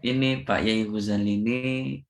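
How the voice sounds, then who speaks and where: A man's voice: lowish voice, steady tone, measured pace. A man organizing the event, politely interrupting to introduce guests in a formal way.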